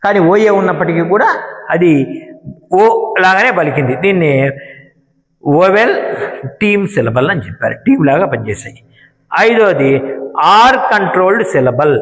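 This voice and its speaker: Lively-voiced Telugu-accented man teaching. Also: high voice. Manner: explains slowly, stretching out example words. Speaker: English teacher. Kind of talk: classroom lecture. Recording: echoey room with long reverb.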